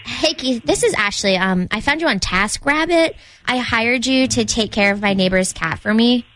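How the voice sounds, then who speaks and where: A woman's voice: on the high side, lively intonation, normal speed, fairly bright tone, no echo. A woman playing a pushy, blasé female neighbor in a prank phone call, rambling and insistent in a casual way. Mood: casual, hesitant.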